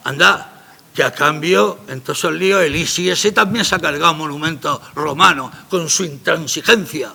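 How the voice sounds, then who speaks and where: A man's voice: fairly high pitch, normal speed, vocal fry, pushed and bright, breathy edge. A man, a playwright talking about his play in a radio interview, emphatic and rambling in a colloquial way.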